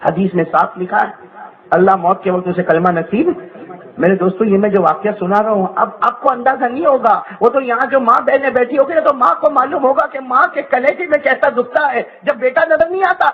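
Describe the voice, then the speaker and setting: A male preacher telling an emotional story as a sermon, impassioned and sometimes shouting, calling on the crowd to repeat after him. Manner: call-and-response, urging the crowd to repeat. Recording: muffled low-fidelity recording.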